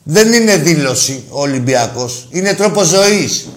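A man hosting a call-in show about football, with crude, mocking banter that swings from loud rants to low muttered asides. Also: animated.

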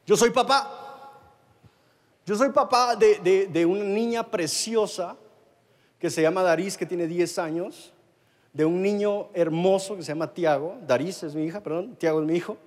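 A Guatemalan man preaches a sermon in a high, light voice. He tells it as a personal story, stumbling over repeated words and restarts as he talks to his congregation. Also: normal speed. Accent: Guatemalan Spanish. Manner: storytelling, with many repetitions and restarts.

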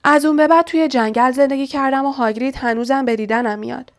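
A woman's voice: high-pitched, fairly even intonation. A woman voicing an ancient, blind giant male spider in an audiobook, speaking in furious outbursts. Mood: angry. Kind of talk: audiobook reading.

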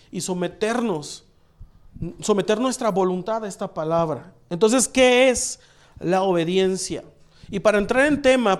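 A man's voice: sits high, clear, resonant tone. A male pastor preaching a sermon, emphatic, repeating key phrases and asking the congregation questions.

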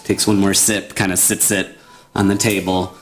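A man's voice: low-pitched, little pitch movement, moderate pace, a little hiss or hum. A man running a tabletop game, narrating casually. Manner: casual, loose. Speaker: game master.

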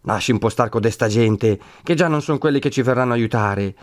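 A man doing a brisk, bossy old housekeeper. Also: medium pitch, no room sound, studio quality, lightly acted. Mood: scolding. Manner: brisk, scolding, impatient.

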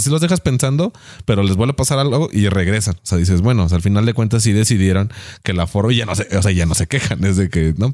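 A man's voice: fairly low pitch, dark tone, no echo, clean studio sound. A young man with a Mexican accent in a casual, blunt and slangy chat, teasing his friends. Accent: Mexican Spanish. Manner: blunt, slangy and profane, quick to mock friends.

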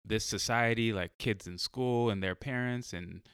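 A man hosting a podcast in a very deep, resonant voice, recorded dry and close. He asks long, reflective questions, rambling a little and filling them with "like" as he works out his thought. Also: unhurried, a bit bright, smooth, no room sound. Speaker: podcast host. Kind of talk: casual podcast interview.

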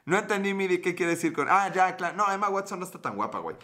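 A man's voice: sits high, expressive, quick pace, bright, forceful tone. A man with a Mexican accent chatting casually on a livestream, rambling, slangy and swearing, reading out his viewers' comments, a bit tipsy. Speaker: livestream host reading chat.

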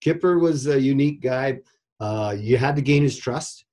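A man's voice: mid-range voice, moderate pace, darkish tone. A middle-aged man, a former goalie coach, telling stories in a casual interview and repeating words as he restarts sentences. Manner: rambling, repeats words when starting sentences.

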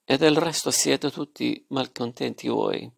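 A man voicing a jovial, falsely good-natured middle-aged gentleman in an audiobook, hearty and teasing. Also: mid-range voice, unhurried, creaky, slightly rough, full character voice.

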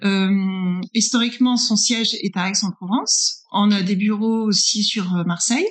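A woman in her forties from northern France answers interview questions as a guest, working as a business incubator consultant. She explains conversationally and checks in along the way, with a mid-range voice at a moderate pace.

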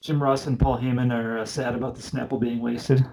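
A man's voice: mid-range voice, flat delivery, fairly quick, vocal fry, mellow. A man hosting a podcast in casual chat, joking and rambling with side notes. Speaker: podcast host.

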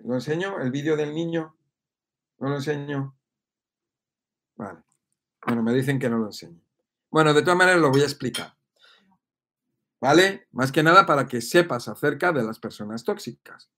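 Emphatic Spanish man, fairly high voice. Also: a bit bright. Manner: emphatic and repetitive, often asking "¿ves?" and "¿vale?". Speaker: speaker on personal growth. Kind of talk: motivational monologue.

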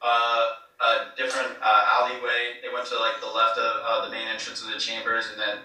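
Man on a low-quality, echoey streamed clip. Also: monotone, fairly quick, pushed and bright, far from the mic, soft background music. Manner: hesitant, many fillers and restarts. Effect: low-quality streamed clip audio. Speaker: eyewitness being interviewed. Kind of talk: casual spoken account.

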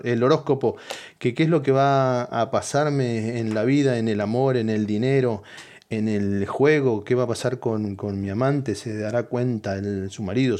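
A man's voice: medium pitch, darkish tone. A man with a Rioplatense Spanish accent hosting a comic mock weather report, rambling and joking with teasing asides to the listener. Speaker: host.

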